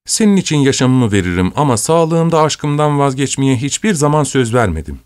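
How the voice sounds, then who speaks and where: A man's voice: medium pitch, sing-song, a little fast, clean tone, no room sound, voice pushed up, lightly acted. Young woman in love, playful, tender, slightly sulky, put on by a man, dry close recording. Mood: tender, teasing. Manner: teasing and tender, softly sulky.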